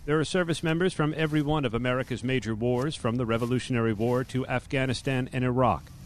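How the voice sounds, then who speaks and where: A male news correspondent narrating a radio report in a measured, deliberate way. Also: medium pitch, steady tone. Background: outdoor traffic and planes.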